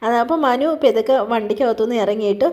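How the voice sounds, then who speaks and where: A woman's voice: a little high, quick pace, a little mellow. A woman casually retelling a TV serial episode in a chatty way, quoting the characters in turn and dropping in frequent filler asides. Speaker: serial recap vlogger.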